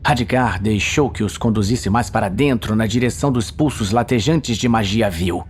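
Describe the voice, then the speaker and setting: In a dramatic narration of a scripted fantasy audio story, a man with a Brazilian accent speaks in a lowish voice at a moderate pace. A faint hiss or hum is present, and music and sound effects accompany him.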